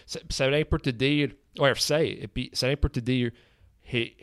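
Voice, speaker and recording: Podcast host, man, relaxed conversational questions, dead-dry mic. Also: mid-range voice, measured pace, no room sound. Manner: conversational, drops English words. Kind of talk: casual interview.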